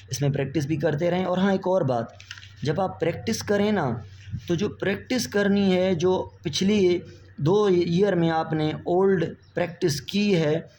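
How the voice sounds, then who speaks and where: A man's voice: medium pitch, mellow, slight background noise. A man, a biology teacher giving friendly, reassuring exam-prep advice and mixing in English words.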